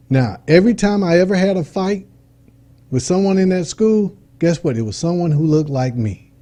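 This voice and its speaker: Here a middle-aged man from Detroit chats as a talk-show guest in an easy, casual exchange. His voice is gentle and mellow though pitched a bit high, and he argues earnestly and informally using down-to-earth examples.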